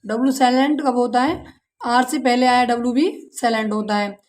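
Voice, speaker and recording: A woman's voice: on the high side, steady tone, moderate pace, a little mellow. A woman with an Indian accent teaching an English lesson in Hindi. She spells words out letter by letter, asks her students questions and calls them "beta" like a mother. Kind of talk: classroom-style language lesson.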